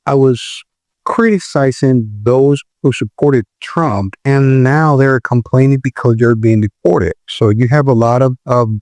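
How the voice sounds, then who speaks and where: A man from the Republic, hosting his own channel and explaining in a measured way with frequent pauses. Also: mid-range voice, a little mellow, dry recording. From Dominican Republic. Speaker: video host. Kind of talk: explanatory commentary.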